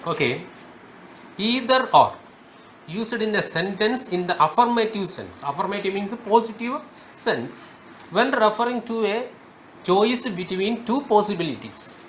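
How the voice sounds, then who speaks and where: Slow, high-voiced man teaching grammar. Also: expressive, a bit bright, a little hiss or hum. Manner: slow, emphatic, repeats key words. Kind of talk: spoken grammar lesson.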